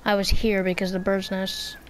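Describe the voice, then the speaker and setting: A woman casually chatting while she plays a video game, playful and excitable, thinking out loud. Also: mid-range voice, moderate pace, slight background noise. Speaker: gameplay player. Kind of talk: casual let's play chat.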